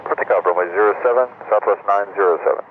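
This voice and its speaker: A man's voice: fairly low pitch, quick pace. A male airline pilot reading back tower instructions in clipped, procedural phrases, heard through his cockpit headset over the radio. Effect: pilot on a cockpit headset over air-band radio. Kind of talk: radio call-backs to the tower. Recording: tinny radio transmission with static.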